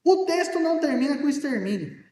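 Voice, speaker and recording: High-voiced pastor in an echoey church. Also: male voice, animated, brisk, mellow. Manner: conversational, joking, asks the congregation questions. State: hard of hearing, talks loudly. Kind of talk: sermon. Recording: echoey church room from a distance.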